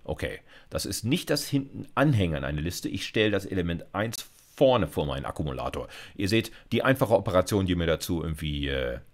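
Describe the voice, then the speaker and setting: A middle-aged university lecturer gives an informal programming lecture as a screencast from an indoor recording setup, explaining step by step and speaking directly to listeners in a conversational way. His voice sits low with big pitch swings, running a little fast with few pauses.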